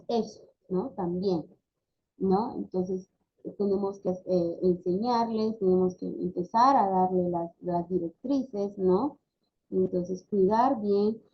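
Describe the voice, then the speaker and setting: Husky woman teaching over video call. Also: medium pitch. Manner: explanatory, peppers sentences with tag questions. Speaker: speech therapy lecturer. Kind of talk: online class lecture. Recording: dull lo-fi video call audio.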